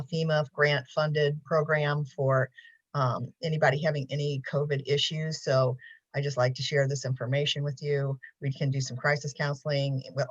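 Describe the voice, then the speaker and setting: A woman counselor giving a casual talk on a video call, chatty and laughing often, with many ums. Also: deep voice. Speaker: mental health counselor. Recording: dull lo-fi call audio.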